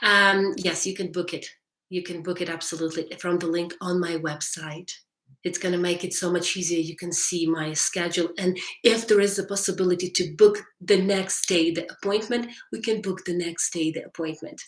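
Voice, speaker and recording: A woman's voice: fairly low pitch, steady tone, moderate pace, roomy sound. A woman hypnotherapist talking on a live stream and answering viewers' chat, who often ends sentences with "right?" and restarts her phrases.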